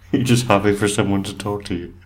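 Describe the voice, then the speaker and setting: A man co-hosting a podcast in casual chat, with dry, teasing banter. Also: on the low side. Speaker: podcast co-host.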